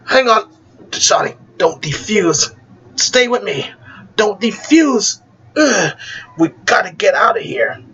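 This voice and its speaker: Man as anxious young male hero; urgent, husky, slow. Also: high voice, expressive, sharp tone, highs cut off, pitched above the performer's own voice, exaggerated voice. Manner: urgent, pleading.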